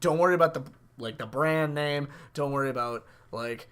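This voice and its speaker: A young man with a bright, fairly high voice co-hosts a casual podcast. He gives eager advice to listeners and teases his co-host in easy, relaxed chat. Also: normal speed, clear, resonant tone. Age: young adult. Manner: eager, advice-giving, teasing. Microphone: wearing on-ear headphones.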